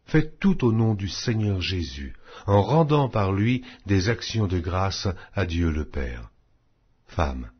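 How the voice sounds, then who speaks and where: This slightly dull, lo-fi clip has a low-pitched man reading scripture from a script. His husky voice carries a solemn, declamatory tone, and his intonation ranges widely even though his phrasing stays measured.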